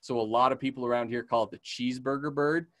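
A man's voice: mid-range voice, steady tone, fast, a bit bright, dry recording, studio quality. A man from the American West teaching a beginner's bird identification webinar, often checking in with "okay?" and imitating bird calls. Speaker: community naturalist teaching a class. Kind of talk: webinar lesson.

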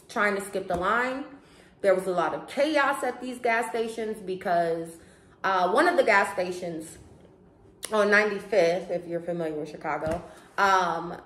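A woman's voice: on the low side, fairly bright tone. An American woman in her thirties chatting casually to camera as a vlogger, with a lisp and whistling s sounds from braces. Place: living room, indoors on a sofa. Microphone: camera a short distance away. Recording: roomy echo, faint background noise.

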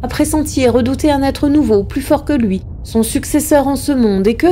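A woman's voice: high voice, moderate pace, dark tone, a little hiss or hum. A woman giving a dramatic reading of a classic tale, impassioned and rising to anguished cries in the tense passages. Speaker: reader.

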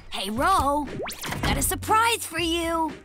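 A woman's voice: very high voice, big pitch swings, slow, over music, heavily acted. A woman voicing a kind, clever little boy inventor in a cartoon, youthful and friendly. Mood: cheerful.

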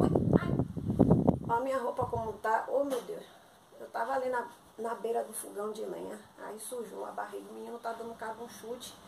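A woman's voice: sits high, creaky. Pleading woman in an echoey room. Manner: chatty, pleading, exasperated complaining. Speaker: content creator acting a comic sketch. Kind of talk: one-sided comic phone sketch. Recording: echoey room with loud background noise.

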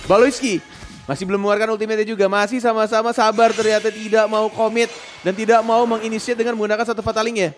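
High-pitched man, excitable game announcer commentary. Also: fast talker. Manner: excitable, rising to shouts in team fights. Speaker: esports shoutcaster. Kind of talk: fighting game announcer style live commentary. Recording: music under the commentary. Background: music.

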